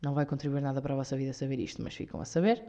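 A woman's voice: a bass voice, steady tone, rapid-fire, mellow, lo-fi sound. A young woman with a European Portuguese accent hosting a casual solo podcast, rambling and self-mocking. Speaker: podcast host.

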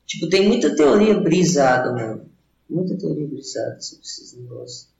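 A man's voice: on the high side, big pitch swings, moderate pace, gravelly, a little mellow. A young Brazilian man in a casual, rambling chat, talking in a slangy, meandering stoner style. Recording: roomy echo, slightly dull sound.

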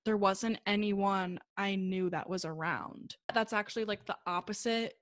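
A woman's voice: medium pitch, steady tone, a little slow, no echo. Chatty young woman, dry close sound. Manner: chatty, says "like" constantly, swears casually, laughs often. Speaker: podcast co-host. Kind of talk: casual chat.

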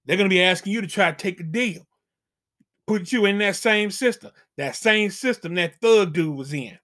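A middle-aged man hosting a channel speaks in a high, slightly bright voice at normal speed. He hands out casual dating advice as an emphatic, preachy warning packed with slang.

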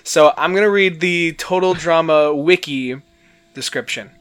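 A man's voice: a little high, a little slow, fairly bright tone, clear, resonant tone. A man co-hosting a casual podcast, reading episode summaries aloud with amused, joking asides. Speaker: podcast co-host.

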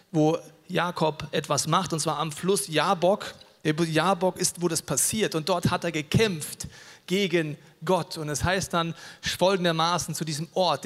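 A man's voice: on the high side, big-room sound. A man preaching an earnest, personal sermon to his congregation as pastor.

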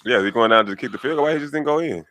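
A man's voice: medium pitch, expressive, racing, fairly bright tone. A man co-hosting a podcast, chatting casually in informal, slangy language. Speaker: podcast co-host. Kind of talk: casual banter.

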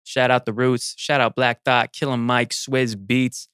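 A man's voice: mid-range voice, little pitch movement, measured pace, a bit bright, clean tone, no echo, studio quality. Hyped-up male podcast co-host. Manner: hype, talks to listeners as "people". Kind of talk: casual hip hop album review chat.

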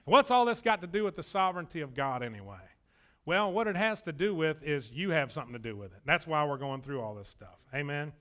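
A pastor with a drawl delivers a folksy, joking sermon. His voice sits high for a man and rings sharp and bright as he presses his points home. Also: lively intonation, a little fast. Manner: folksy, joking, emphatic preaching.

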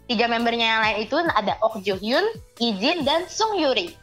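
A woman's voice: fairly high pitch, lively intonation, normal speed, fairly bright tone, faint music behind. A young woman with a Jakarta accent co-hosts in casual banter, full of Jakarta slang and exclamations. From Indonesia. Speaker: co-host. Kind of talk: casual radio-style banter.

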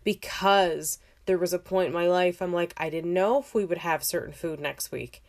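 Lower-pitched woman chatting from her bathroom. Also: moderate pace. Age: 30s. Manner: informal, hesitant phrasing with frequent "like" and self-corrections. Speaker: podcast host. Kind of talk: casual reflective solo podcast chat. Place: home bathroom. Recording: home recording in a bathroom.

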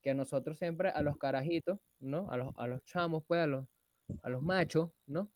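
Venezuelan guy cohosting a podcast, jokey slang, gets loud sometimes, dry mic. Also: fairly high pitch, moderate pace, no echo. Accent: Venezuelan Spanish. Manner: slangy, joking, loud bursts when mimicking others. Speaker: podcast co-host. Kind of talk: casual chat.

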